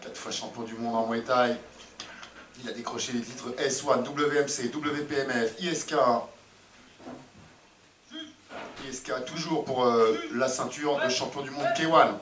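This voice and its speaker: A man's voice: mid-range voice, a little slow, pauses often, a crowd in the background. A man giving live combat sports commentary for a broadcast. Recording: echoey, distant, loud music behind.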